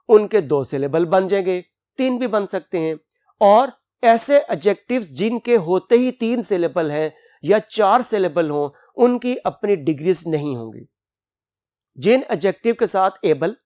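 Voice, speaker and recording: A woman teaching an English grammar lecture, slowing down to read each rule in English and then explaining it in her own words. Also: fairly low pitch, a little mellow. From Pakistan. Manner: reads English rules out slowly and deliberately, then explains in Urdu. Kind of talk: classroom lecture.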